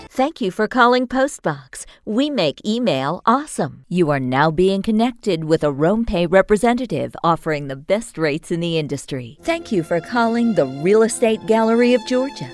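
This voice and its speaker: Woman, phone-menu voice-over, warm tone, lively melodic delivery, faint music bed. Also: mid-range voice. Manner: polished, friendly, clearly enunciated. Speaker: phone system voice-over artist. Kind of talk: scripted phone greetings and menu prompts.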